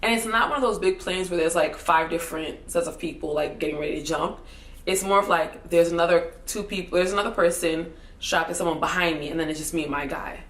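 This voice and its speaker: A woman's voice: on the low side, fast talker, fairly bright tone. A woman in her thirties casually and animatedly telling a personal story to camera, joking and swearing as she goes. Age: 30s. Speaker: vlogger.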